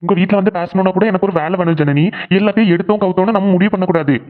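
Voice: medium pitch, steady tone, very fast, dry recording, lightly acted. A performer voicing a worried young man in a cartoon who soothes and coaxes his tearful sweetheart. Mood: soothing. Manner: soothing, coaxing. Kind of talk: cartoon voice acting. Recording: dry, tinny phone-like sound.

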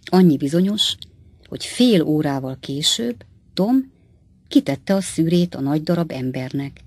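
A woman narrating an audiobook as a calm storyteller who addresses her listeners directly. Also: low voice, husky, no room sound.

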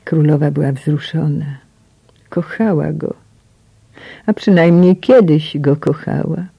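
Woman audiobook narrator, breathy and hushed, emotional first-person read, dry slightly muffled sound. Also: deep voice, slow pace, no room sound. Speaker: audiobook reader.

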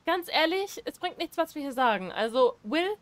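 Female gamer, high voice, casual let's-play commentary, bewildered and exasperated. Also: big pitch swings, moderate pace. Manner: confused, exasperated, talking to herself and the game. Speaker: gameplay streamer.

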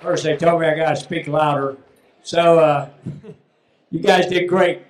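A laid-back male judge gives plain-spoken feedback in a fairly flat voice. The hall adds a strong echo around him. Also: fairly high pitch, unhurried. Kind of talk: live critique. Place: ballroom at a charity dance gala. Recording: echoey hall, mic from afar.

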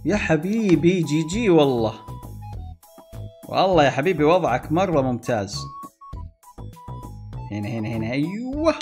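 A man giving excitable gameplay commentary, exclaiming and talking to himself and his viewers. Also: on the high side, normal speed, long pauses, soft background music. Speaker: gaming YouTuber.

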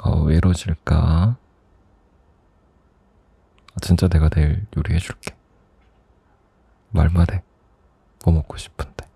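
A young man in a soft, intimate ASMR role-play as a teasing, doting boyfriend, close to the microphone. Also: a bass voice, level tone, slow, vocal fry, pauses often, husky, dry recording. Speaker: ASMR performer playing a boyfriend.

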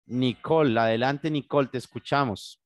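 A man's voice: medium pitch, moderate pace, no room sound. Patient Colombian man teaching online. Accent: Colombian Spanish. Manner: patient, guiding, asks "¿sí?" often. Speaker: English teacher. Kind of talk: online class, bilingual instruction. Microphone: computer mic on video call.

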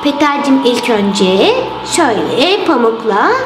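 A woman plays a calm lady doctor doll, soothing and measured. The voice sits well below childlike squeaks, in a roomy recording with music behind. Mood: reassuring.

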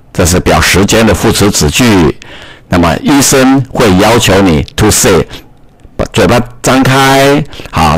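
A male English teacher giving a recorded reading lesson. He reads short English phrases slowly, then explains them in Mandarin, patiently repeating and rephrasing each point. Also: fairly low pitch.

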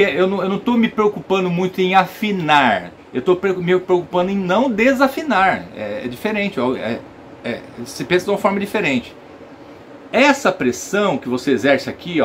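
Step by step, this saxophone teacher explains a casual lesson and makes sure viewers follow along. He's a Brazilian man with a Brazilian Portuguese accent and a high-sitting voice, recorded with slight background noise.

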